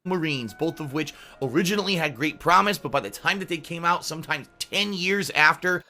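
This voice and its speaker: A man reads a prepared game review through a metallic robot-voice effect that is kept fairly tame. His voice sits a little high for a man and comes across bright and sharp. He sounds slightly under the weather. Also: expressive, a little fast. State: sick. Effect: metallic robot voice filter, fairly subdued. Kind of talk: scripted review narration.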